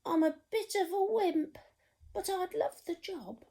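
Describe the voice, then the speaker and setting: A woman reading aloud and voicing a timid, easily scared male cook in a high, wavering voice. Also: unhurried, dark tone.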